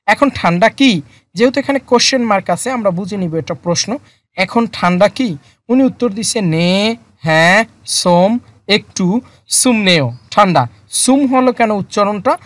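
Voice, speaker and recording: A teacher explaining a textbook lesson in a slow word-by-word way, repeating each term with frequent fillers. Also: mid-range voice, no room sound. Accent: Bangladeshi Bengali. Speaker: Korean language teacher. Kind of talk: lesson explaining vocabulary and grammar.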